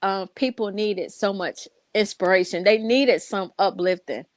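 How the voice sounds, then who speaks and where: Relaxed woman radio co-host. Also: mid-range voice, unhurried, no room sound. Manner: relaxed, laughs often, reflective. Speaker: radio co-host and music director. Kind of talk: casual radio talk show chat.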